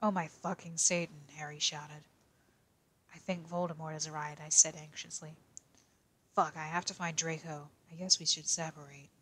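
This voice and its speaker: Shuichi Saihara, a low flat young detective, as a woman puts him on. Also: normal speed, slightly rough. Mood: deadpan reading. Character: young male teen detective, quiet and reserved. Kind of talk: in-character reading of a fanfic.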